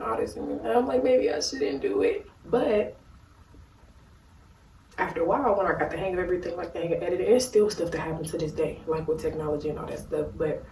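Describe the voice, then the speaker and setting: A woman's voice: lowish voice, a little mellow. A tipsy woman chatting casually as a YouTuber answering questions, rambling in a goofy, giggly way. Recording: roomy echo, distant mic, faint noise.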